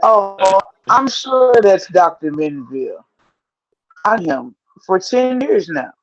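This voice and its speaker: A woman's voice: medium pitch, expressive, takes it slowly, dry recording, lo-fi sound. A woman reading a flustered fake-grieving figure in an amateur script read, with stammering, broken English.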